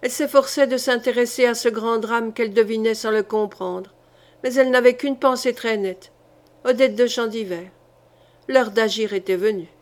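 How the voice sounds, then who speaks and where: A woman reading a historical novel aloud as an audiobook, in a measured, dramatic storytelling manner. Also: on the high side. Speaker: audiobook reader. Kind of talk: literary audiobook narration.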